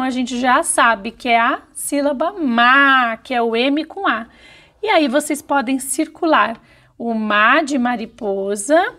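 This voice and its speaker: A woman teaching young children in a recorded video lesson, sounding out words slowly syllable by syllable. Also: sits high, sharp tone. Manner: slow, careful syllable-by-syllable dictation. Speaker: primary school teacher.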